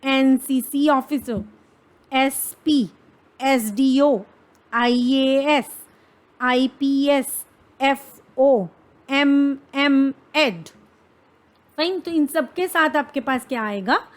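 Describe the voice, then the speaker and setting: Slow, high-voiced woman teaching grammar. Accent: Indian. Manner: asks the class questions and answers them herself; mixes English phrases into explanations. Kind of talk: exam-prep grammar lesson.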